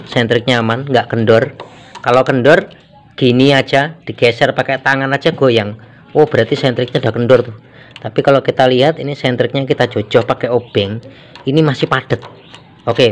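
Mechanic explaining engine repairs. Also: male voice, medium pitch, slight background noise. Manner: casual, explanatory, mixes in Javanese words. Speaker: motorcycle mechanic. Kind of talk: hands-on workshop tutorial. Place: motorcycle workshop.

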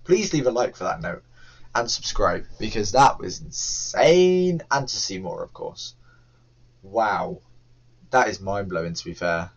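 Excitable man reacting, bright voice. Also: deep voice, unhurried, long pauses, dull audio. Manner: excitable, disbelieving, laughing outbursts. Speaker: reaction video host. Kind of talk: casual reaction commentary.

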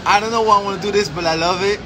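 A young adult male vlogger and host talks animatedly to camera and friends on an outdoor café terrace on a city street, repeating short phrases. His voice is high and racing, in non-native English with loose grammar. Recorded on a phone at arm's length amid busy street noise and café chatter.

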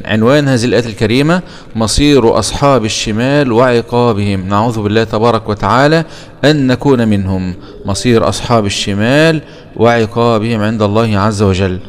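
Man, Egyptian Arabic accent, Quran teacher, slow chanted recitation, resonant tone, reverberant room. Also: lowish voice, smooth. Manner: explains rules, asks questions and answers them himself.

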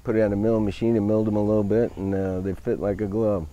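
A man in his fifties, talking casually outdoors at a show field, relaxed and full of fillers. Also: lowish voice, fast talker, dull audio. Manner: easygoing, many fillers, technical car talk. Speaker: van owner. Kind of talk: casual interview.

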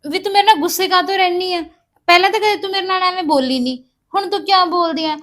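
An actress playing a young sister-in-law who pleads and defends herself. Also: female voice, very high voice, quick pace, fairly bright tone. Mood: pleading.

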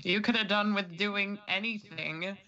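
A woman takes part in a tabletop game, chatty and hesitant with frequent giggles. She talks slowly at a middling pitch. The stream audio is dull and lo-fi. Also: sharp tone. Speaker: player. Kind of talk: casual tabletop role-play.

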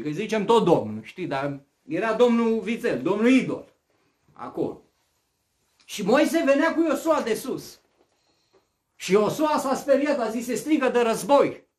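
Male preacher, high-pitched and very expressive, fiery sermon delivery. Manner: animated, rhetorical questions, swings from loud to hushed.

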